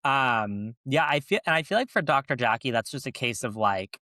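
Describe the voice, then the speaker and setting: A man's voice: mid-range voice, animated, normal speed, bright, forceful tone, no room sound. A man co-hosting a podcast in casual chat, talking loosely with frequent restarts and laughs. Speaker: podcast co-host.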